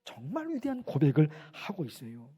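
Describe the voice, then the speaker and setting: A middle-aged male pastor preaching to his congregation, swinging between emphatic lines and hushed ones and repeating phrases for emphasis. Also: fairly high pitch, huge pitch swings, a little fast, breathy edge. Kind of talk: sermon. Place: church sanctuary.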